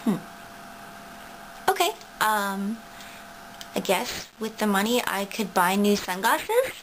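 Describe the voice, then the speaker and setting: A woman's voice: mid-range voice, very animated, slow pace, a little hiss or hum, rough recording. A young woman in a playful, self-mocking comic video entry, speaking in a practiced fake British accent. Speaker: vlogger.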